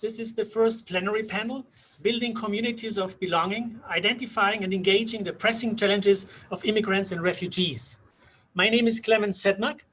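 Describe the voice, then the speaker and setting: A middle-aged man from Austria, moderating a conference panel in a measured, reflective way that slows down for emphasis. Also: high voice, fairly even intonation, fairly bright tone, breathy edge. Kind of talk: formal conference introduction.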